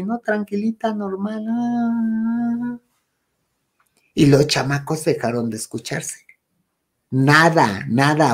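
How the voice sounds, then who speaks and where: A man with a Mexican accent and a slightly high voice tells a ghost story as a guest, relaxed and chatty. He's animated throughout but drops to a hushed whisper at the spooky moments.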